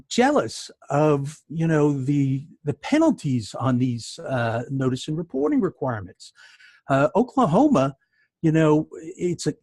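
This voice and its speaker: A man's voice: mid-range voice, darkish tone, slightly rough, no room sound. A man with a New York accent presenting a webinar as a sales tax consultant, talking in a conversational way with many fillers and wry jokes.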